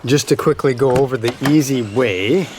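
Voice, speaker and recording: An enthusiastic man talks casually to the camera while he shows off and drives his car. His voice sits in a middle range and is caught by a mic set some way off. Loud engine rumble and road noise run underneath. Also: moderate pace, recorded from a distance. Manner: chatty and enthusiastic, talking to camera. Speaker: car channel host. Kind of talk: casual car review vlog. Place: in and around a car, outdoors and driving.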